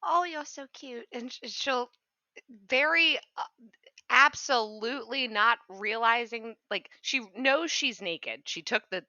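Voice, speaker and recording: Woman rpg player explaining her move, bright voice, halting n casual, bit dull audio. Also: on the high side. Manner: halting, searching for words. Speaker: player in a tabletop role-playing game. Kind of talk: casual improvised game talk.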